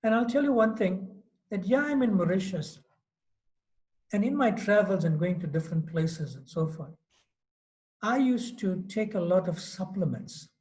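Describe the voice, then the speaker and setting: A man's voice: high-pitched, expressive, moderate pace, a little mellow, poor audio. A man nearing sixty giving a devotional lecture in a loose, conversational way, often saying "you know". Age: 50s. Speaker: swami giving a class. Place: Mauritius.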